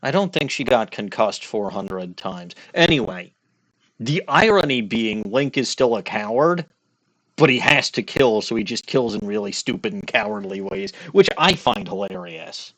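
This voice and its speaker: A man's voice: fairly low pitch, big pitch swings, moderate pace, a bit bright, poor audio. A man giving casual, wry, sometimes profane commentary as host of a game playthrough. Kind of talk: casual commentary while reading a game aloud.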